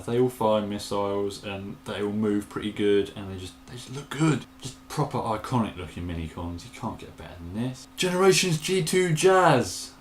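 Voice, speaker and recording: A man chatting enthusiastically in a casual show-and-tell vlog, with bursts of excitement. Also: lowish voice, roomy sound, a little hiss or hum. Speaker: toy collector vlogger.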